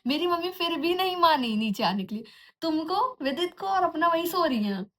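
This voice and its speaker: A woman's voice: very high voice, expressive, moderate pace, a bit bright. A young woman vlogger casually telling a horror story from her own life. She talks in a chatty way, restarts often and mimics eerie sounds like jingling anklets and giggles. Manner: chatty, restarts often, mixes in English words.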